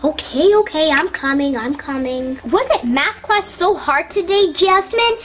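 Brief: woman voicing toddler dolls, very high and bouncy, unhurried. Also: expressive, a little hiss or hum. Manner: high childlike voice, slow and sing-song. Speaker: doll play narrator voicing toddler characters. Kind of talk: doll role-play voices.

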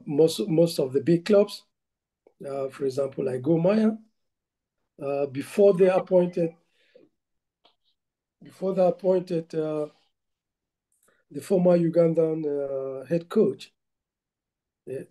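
A middle-aged man from Cameroon speaks on a video call from a room at home. His voice is fairly high and strikingly tense and forceful. He talks haltingly, with many "uh"s and restarts. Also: rough recording. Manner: hesitant, many fillers and restarts. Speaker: football coach. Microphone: video call laptop mic.

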